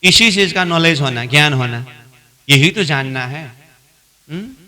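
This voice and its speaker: Male spiritual trainer, unhurried lecture, high bright tone, acts out little dialogues. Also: expressive. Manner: repeats points and asks the class questions; acts out both sides of a dialogue, louder as it escalates.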